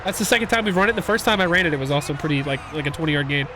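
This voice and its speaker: Young man, bright sharp voice, rambling gameplay commentary, loud reactions. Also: a little high, racing, slight background noise. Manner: excitable, rambling, reacts loudly to big plays. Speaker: gaming YouTuber.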